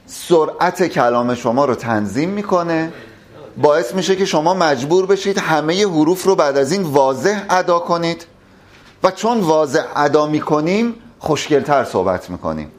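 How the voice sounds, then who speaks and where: A man's voice: fairly high pitch, animated. A man teaching public speaking at a live workshop, emphatic and addressing the audience directly.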